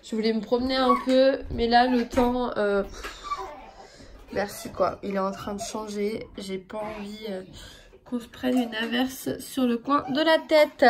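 Gravelly sniffly young mum vlogging. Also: female voice, steady tone, measured pace, slight background noise. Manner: rambling, chatty, often drops to a soft low voice. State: sniffling with a cold. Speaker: vlogger, mother of two young boys. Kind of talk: casual chatty home vlog.

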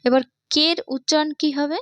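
Bangladeshi woman, patient teacher of young kids, higher voice, dry close recording. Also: fairly even intonation, normal speed, dry recording. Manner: patient, repeats each point and asks the class questions. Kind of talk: explaining an English reading lesson to young children.

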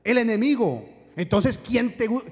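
A man's voice: extremely high pitch, lively intonation, unhurried, slightly rough, big-room sound. A man preaching a sermon, telling a personal story and acting out the dialogue, with emphatic rhetorical questions.

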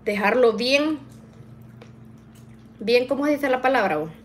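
A woman's voice: fairly high pitch, expressive, a little slow, slight background noise. A middle-aged woman, chatting casually with viewers while cooking in her home kitchen, often tagging her sentences with "¿verdad?". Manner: chatty, addresses viewers as "niñas", frequent "¿verdad?" tags. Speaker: vlogger.

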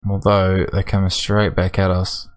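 Low-voiced New man, dry gamer. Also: completely flat delivery, normal speed, smooth. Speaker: gaming video host. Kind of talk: casual game commentary while playing. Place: small room at home, indoors.

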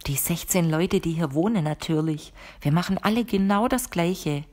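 A woman reader voicing a composed, mysterious woman who speaks calmly and firmly to her guest in an audiobook. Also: fairly low pitch, moderate pace, natural voice. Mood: explaining calmly. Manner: calm, firm and matter-of-fact. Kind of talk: audiobook character reading.

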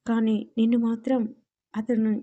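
A woman voicing an outspoken young woman who talks loudly and teasingly in a storybook reading. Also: on the high side, flat delivery, moderate pace, highs cut off, close to an everyday voice. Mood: amused. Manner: loud, teasing.

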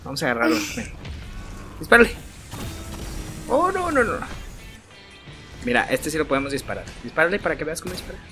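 A woman with a Mexican accent playing a video game alongside a child, coaxing, cheering and yelling at enemies. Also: very deep voice, lively intonation, fast talker, pauses often. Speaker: gaming channel host. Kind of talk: casual gameplay chat with a child. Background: game music.

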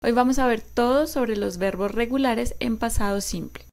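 A woman's voice: fairly high pitch, a little mellow. A woman teaching grammar in a cheerful, careful way. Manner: cheerful, slow and careful, repeating words for practice. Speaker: English teacher. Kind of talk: explaining grammar to a camera.

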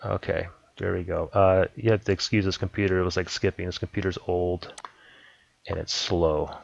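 A man casually explaining a video editing program step by step, in a relaxed way. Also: low voice, moderate pace, gravelly, lo-fi sound. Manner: relaxed step-by-step explaining, repeats "let me go ahead". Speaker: software tutorial host. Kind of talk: casual screen-recording tutorial.

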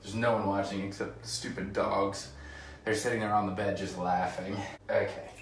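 A man in his thirties vlogs casually to camera from a small tiled home bathroom, speaking at normal speed in a fairly low, flat voice. The phone is at arm's length or propped nearby, so the sound is distant, with roomy bathroom echo and background noise.

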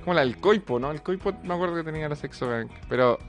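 A man's voice: fairly high pitch, animated, fast, faint music behind. A young Chilean man streaming live, chatting with his viewers, swearing freely and joking as he reads out donations. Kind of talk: casual live-stream chat.

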